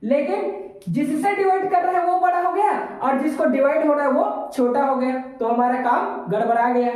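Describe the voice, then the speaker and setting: A woman's voice: sits high, moderate pace, darkish tone. A woman teaching a step-by-step maths lesson, talking to her pupils and often checking that they follow. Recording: very echoey room.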